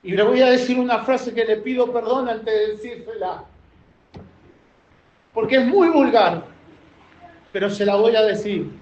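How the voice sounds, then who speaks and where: A man preaching a sermon as pastor, with fervent delivery that moves from quiet low passages to shouted exhortation. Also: unhurried, long pauses, roomy sound, highs cut off. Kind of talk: impassioned sermon.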